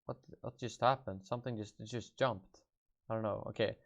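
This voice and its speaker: Here the Swedish gaming YouTuber, a young man with a Swedish accent, sounds gravelly and lowish, with fairly even intonation and a moderate pace, and the audio is dull. Taking viewer questions on a live stream, he reads each aloud and answers off the cuff, hesitantly thinking things through out loud.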